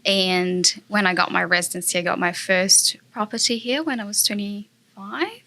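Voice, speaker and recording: A woman's voice: medium pitch, fairly even intonation, normal speed, pushed and bright. A woman from Brazil with a Brazilian Portuguese accent, a guest chatting in an interview in an earnest way with many fillers. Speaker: guest, property investor. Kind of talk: casual interview chat.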